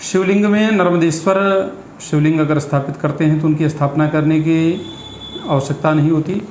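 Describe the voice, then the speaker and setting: A man speaks in a measured, instructive manner, explaining ritual practice and slipping in Sanskrit terms. His voice sits a little high. The room is echoey, with faint noise behind him. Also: steady tone, darkish tone. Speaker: astrologer and priest guest.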